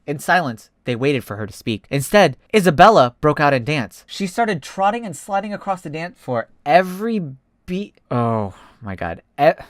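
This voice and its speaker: A casual male YouTuber with a fairly high voice reads fan fiction and chats in a dry, close recording. He's informal and self-deprecating, getting animated whenever he reads aloud.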